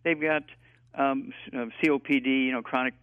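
A man's voice: medium pitch, steady tone, clear, resonant tone, dry recording. Eighty-year-old man on a phone line. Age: 80s. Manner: rambling, halting with many fillers. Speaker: guest health expert. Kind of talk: radio call-in health talk.

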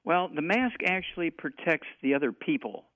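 A man of eighty, a guest health expert on a call-in radio talk show, rambling and halting with many fillers over a tinny phone line. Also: a little high, very animated, no echo. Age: 80s.

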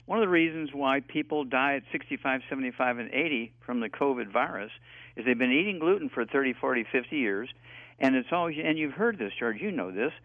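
A man of eighty, a guest health expert on a call-in radio talk show, rambling and halting with many fillers over a tinny phone line. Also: medium pitch, expressive, no echo. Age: 80s.

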